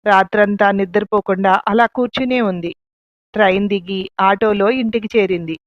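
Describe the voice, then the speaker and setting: A woman narrating a family drama story in a calm, measured way. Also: medium pitch, no room sound. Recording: dull lo-fi, dry.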